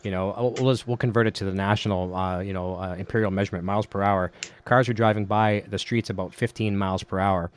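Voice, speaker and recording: A middle-aged man from Ontario, Canada hosts a casual podcast interview, chatty and quick to laugh as he tells anecdotes. He talks fast in a low, steady, clean voice.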